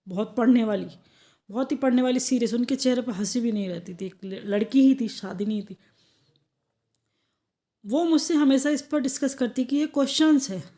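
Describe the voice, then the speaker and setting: Female English tutor, warm and fairly high voice, casual lecture full of fillers and repeats. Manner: talks in a chatty way with many fillers and repetitions. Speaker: English teacher. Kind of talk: casual Hindi lecture with an anecdote.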